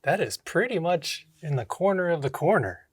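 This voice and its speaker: A home theater DIY vlogger narrates a hands-on vlog in an indoor home theater room with a drop ceiling, casually thinking aloud and talking to himself with short exclamations. His voice is on the high side, very animated, at normal speed with a breathy edge.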